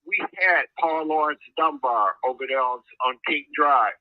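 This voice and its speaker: An older man from Chicago calling in to a radio talk show, reminiscing in a halting way and repeating words as he goes. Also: on the high side, no room sound. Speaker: caller. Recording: tinny phone line.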